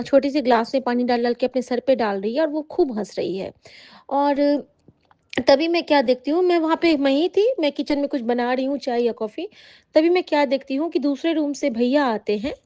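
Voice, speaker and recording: A woman, a devotee, recounts a dream to a congregation in halting, rambling speech with many fillers. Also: high-pitched, warm tone, dry recording. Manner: addresses listeners as congregation. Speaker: devotee sharing an experience. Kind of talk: spoken testimony of a dream. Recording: dull lo-fi recording.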